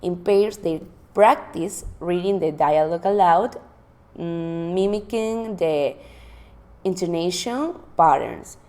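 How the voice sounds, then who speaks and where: Slow, mellow-voiced woman presenting a lesson plan. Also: on the low side. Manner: reads from notes with frequent restarts and self-corrections. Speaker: teacher presenting classroom activities.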